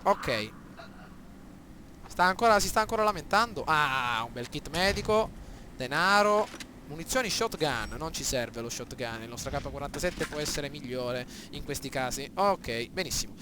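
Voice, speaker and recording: A man doing excitable let's-play commentary, often exclaiming and addressing viewers. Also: fairly high pitch, normal speed, background noise. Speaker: gameplay commentator.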